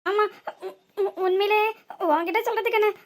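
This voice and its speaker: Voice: extremely high pitch, fairly even intonation, moderate pace. A voice actor playing a boastful young husband in a comic cartoon who is secretly afraid of ghosts and stammers when nervous.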